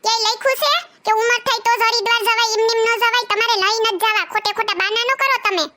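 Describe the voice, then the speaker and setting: A woman's voice: very high-pitched, fairly even intonation, fast talker, bright, forceful tone, a little hiss or hum. A woman playing a nagging young wife who scolds and complains sarcastically, speaking. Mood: scolding.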